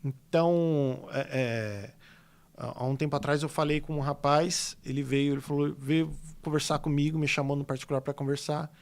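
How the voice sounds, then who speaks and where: This man's voice is on the high side and gravelly, moving at a moderate pace. He's an illustrator from São Paulo state, Brazil, with a São Paulo Portuguese accent, spinning rambling, lively stories laden with fillers during a casual podcast interview.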